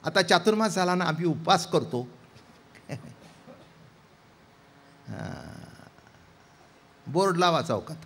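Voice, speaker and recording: A man's voice: on the high side, sing-song, slow pace, gravelly, pauses often, fairly bright tone, breathy edge. A man preaching a devotional kirtan sermon, telling stories with acted dialogue and asking the audience questions. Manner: theatrical, acts out dialogue, asks the audience questions.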